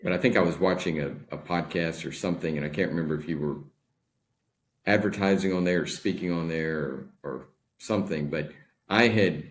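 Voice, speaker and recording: A man in his forties speaking as a guest in a casual interview, in a measured, deliberate way. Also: low voice. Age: 40s. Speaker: podcast guest.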